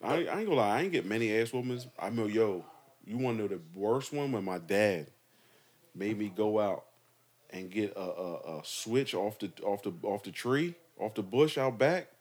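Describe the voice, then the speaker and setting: Young man, fairly low voice, podcast co-host, casual chat, slangy and animated storytelling. He speaks in an easygoing way and keeps the stories rolling. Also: normal speed. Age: young adult.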